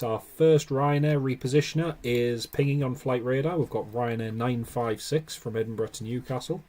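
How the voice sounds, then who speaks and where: A man's voice: medium pitch, warm tone. A man hosting a live stream with casual, chatty commentary.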